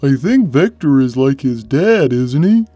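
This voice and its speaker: A woman voicing a big, gentle, innocent male cat in a cartoon, simple and mild in manner. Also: very deep voice, big pitch swings, unhurried, husky, faint music behind, heavily acted. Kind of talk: in-character cartoon Q&A.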